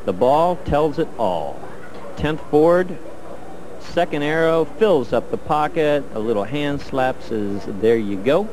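A man's voice: on the high side, animated, slow, darkish tone, slight background noise, rough recording. A man giving color commentary on a televised bowling match, breaking down each shot in a coaching way. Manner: analytical, coaching-style breakdown of shots.

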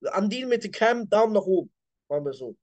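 Blunt high-voiced man coaching a live call. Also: big pitch swings, a little fast, darkish tone. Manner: blunt, reads questions from chat, repeats catchphrases.

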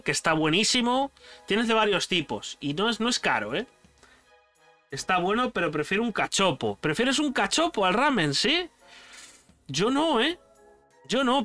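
A young man from Spain with a Spanish accent, chatting casually and animatedly while ranking foods for his channel, full of slang. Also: high-pitched. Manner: animated, slangy, addresses viewer as "tío". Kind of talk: casual chat, food tier list.

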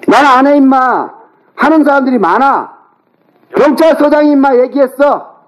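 A middle-aged man on a phone call, angrily yelling, cursing and berating the other person. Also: extremely high pitch, moderate pace. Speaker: older brother on a phone call. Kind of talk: heated phone argument. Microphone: phone call recording.

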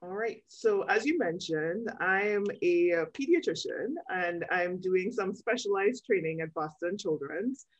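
A woman developmental pediatrician explaining things in an interview over a video call, measured with frequent ums. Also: lowish voice, expressive, highs cut off.

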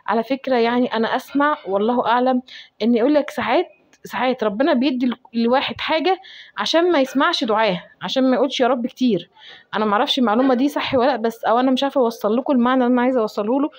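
A young woman with an Egyptian accent talks very quickly in a slightly high voice as she cooks and gives heartfelt advice. The sound is a little dull and lo-fi. She is recorded in her home kitchen. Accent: Egyptian Arabic. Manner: rapid, chatty, giving heartfelt advice. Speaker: cooking vlogger. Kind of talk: casual chat while cooking.

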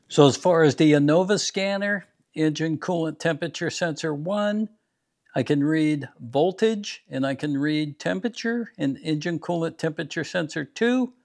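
A man's voice: fairly high pitch, vocal fry, a little mellow. A man in his fifties, a garage channel host, plainly demonstrating scan tools in his home garage. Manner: plain, practical, unhurried explaining. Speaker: DIY mechanic channel host. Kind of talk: casual product demo.

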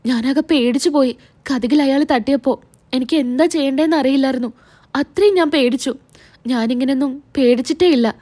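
Woman doing a frightened young woman, timid yet stubborn, fearful and pleading, high voice, retold serial. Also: a little fast, warm tone, lightly acted.

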